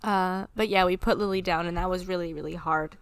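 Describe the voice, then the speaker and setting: A young woman in her twenties, co-hosting a casual podcast, speaks in a fairly low voice. She is candid and swears freely. The sound is close and dry, with no room echo. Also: fairly even intonation, brisk, smooth. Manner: candid, swearing, fighting back tears. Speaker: podcast co-host. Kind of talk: casual chat.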